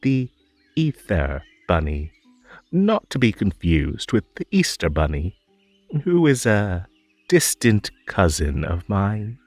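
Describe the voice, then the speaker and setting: A man's voice: lowish voice, wildly swooping pitch, takes it slowly, dry recording, faint music behind, heavily acted. A man playing a whimsical, lonely and possessive magical rabbit host in a roleplay audio drama, coaxing theatrically with stammers and nervous giggles. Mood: playful, mysterious.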